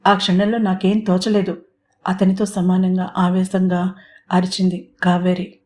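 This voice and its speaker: A woman storyteller narrating a romantic audiobook in a smooth, expressive reading. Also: lowish voice, unhurried.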